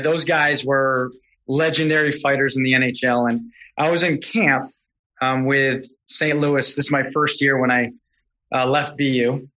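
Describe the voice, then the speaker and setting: A middle-aged man, a podcast guest, telling stories in a casual, animated way, often correcting himself mid-sentence. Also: medium pitch, rough recording. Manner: animated, self-correcting storyteller. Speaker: podcast guest, real estate investor. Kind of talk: casual storytelling.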